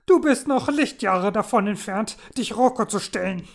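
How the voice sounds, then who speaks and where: A man voicing a rude, shouting young male trainer in a read-aloud story. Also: sits high, animated, moderate pace, creaky, pitched above the performer's own voice. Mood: scornful. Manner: yelling, scornful.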